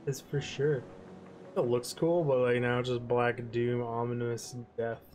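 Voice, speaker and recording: A man's voice: mid-range voice, flat delivery, unhurried, a little mellow, slight background noise. A young man hosting a gaming channel, chatting loosely and rambling while game credits roll, his talk trailing off now and then. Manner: laid-back, rambling, yawning, trails off. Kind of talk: rambling let's-play commentary over credits.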